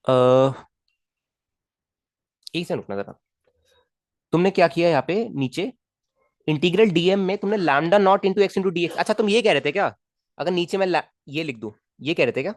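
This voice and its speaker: A man teaches physics to students in a live online class. His voice swings up and down with lively pitch as he coaxes them, repeats himself and checks they follow. The sound is dry and close, with no room echo. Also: normal speed, pauses often. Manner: coaxing, repetitive, checks in with students often.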